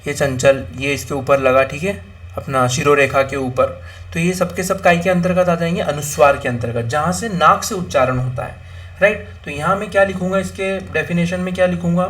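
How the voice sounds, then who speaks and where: Young male tutor, slightly high voice, repetitive question-and-answer exam-prep teaching, mixes in English. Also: fairly bright tone. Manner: repetitive, asks and answers his own questions; mixes English words into Hindi. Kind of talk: exam-prep lesson on Hindi grammar.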